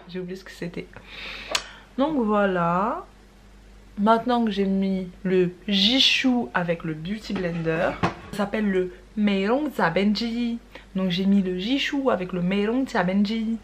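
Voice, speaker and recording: A woman talking casually through a makeup tutorial. She keeps trying out foreign words and repeating them, and sometimes drops to a soft murmur while she works. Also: medium pitch, a little hiss or hum. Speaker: beauty vlogger.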